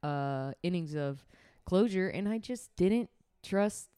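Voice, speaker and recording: A woman's voice: on the low side, lively intonation, takes it slowly, mellow, smooth, no echo, studio quality. A woman co-hosting a casual podcast, chatty and knowledgeable, laughing easily. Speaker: podcast co-host. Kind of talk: casual chat while watching a game.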